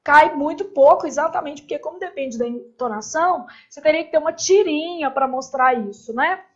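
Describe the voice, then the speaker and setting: A woman's voice: high-pitched, a little fast, muffled recording. A woman teaching a grammar class in a casual, chatty way, with joking asides and constant "né?" tags.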